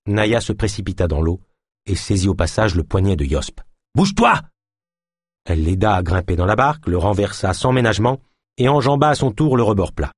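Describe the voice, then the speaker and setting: Male audiobook narrator, low husky voice, lively intonation, dry close sound. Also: no echo. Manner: expressive storytelling. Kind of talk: scripted narration.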